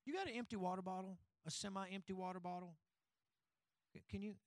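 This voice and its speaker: A male pastor preaching a sermon in a church. He leads call-and-response with the congregation and builds to fervent shouting. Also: sits high, brisk, no room sound, rough recording. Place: church sanctuary.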